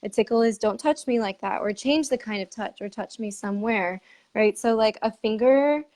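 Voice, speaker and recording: A woman's voice: a little high, normal speed, darkish tone. Candid, laughing woman hosting a talk. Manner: candid, laughs easily, many fillers. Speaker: podcast host. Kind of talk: casual conversational interview. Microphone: remote live stream.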